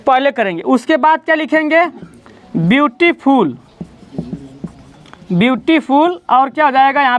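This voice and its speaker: A man's voice: very high-pitched, a bit bright. A man teaching a grammar lesson in a classroom, explaining step by step and quizzing his students as he goes. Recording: dull lo-fi sound.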